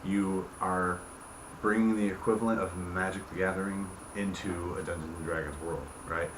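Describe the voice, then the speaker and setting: In a roomy, echoing space with audible background noise, a game creator hosts an informal rules explanation. His low voice moves at normal speed with fairly level intonation, and he constantly checks in: "okay," "right," "you see what I'm saying."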